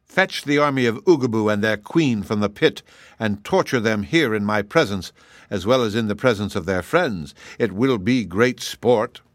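A man voicing a cruel, quick-tempered male gnome king who roars and snarls his threats. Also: fairly low pitch, expressive, dry recording, lightly acted. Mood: gloating.

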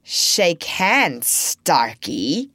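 A woman's voice: deep voice, big pitch swings, very slow, a bit bright, no room sound, studio quality, full character voice. A woman voicing a sardonic male pirate captain in a storybook reading, theatrical and full of mock-pleasant menace. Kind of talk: storybook narration character voice.

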